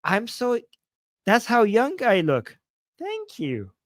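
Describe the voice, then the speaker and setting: Here a man in his forties hosts a relaxed livestream, his very high voice swinging hugely in pitch as he takes things slowly. He reads comments from chat, chuckles, jokes around, and repeats himself often. The sound is clean studio audio with no room sound.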